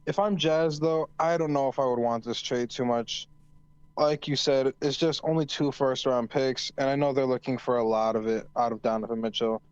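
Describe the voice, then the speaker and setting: A man's voice: mid-range voice, steady tone, normal speed, clear, resonant tone, no room sound, muffled recording. A man co-hosting a casual sports discussion, giving his opinions conversationally. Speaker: podcast co-host.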